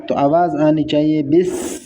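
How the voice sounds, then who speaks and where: Man teaching tajweed slowly, mellow voice. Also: fairly high pitch, steady tone. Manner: patient, repeats each sound slowly to demonstrate. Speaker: Quran recitation teacher. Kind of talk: tajweed lesson, explaining and reciting. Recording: dull lo-fi sound with faint background noise.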